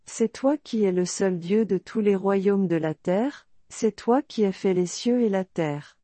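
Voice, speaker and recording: Devout praying king, read by a woman, warm mellow voice, dry sound, solemn. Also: mid-range voice, unhurried, dry recording, lightly acted. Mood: pleading. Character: pleading devout male king in prayer.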